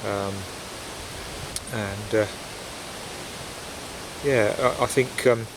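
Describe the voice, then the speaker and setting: A man's voice: fairly low pitch, steady tone, very slow. A man chatting casually and reflectively, with a hesitant, meandering delivery, outdoors in woodland. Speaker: pipe-smoking vlogger. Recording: outdoor wind noise, basic equipment. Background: wind and rustling leaves.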